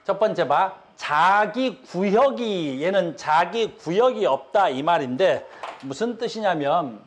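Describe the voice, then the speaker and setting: Speaking slowly in a high, lively voice, this man delivers an online physics lecture in an informal register. He explains with drawings, repeatedly tells students "봐," and keeps asking "알겠니?" to see if they follow.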